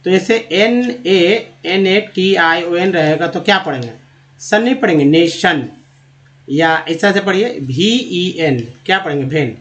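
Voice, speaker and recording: A man with a fairly high voice teaches English reading in a patient classroom manner. He spells words out letter by letter, draws out sample words slowly and puts quiz questions to his viewers. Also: fairly bright tone, low-quality recording. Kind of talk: Hindi-language phonics lesson.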